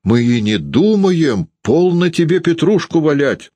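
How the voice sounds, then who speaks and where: A man's voice: lowish voice, animated, normal speed, dry recording, voice pushed up. A man voicing a flustered, pleading woman. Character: nervous scheming middle-aged woman.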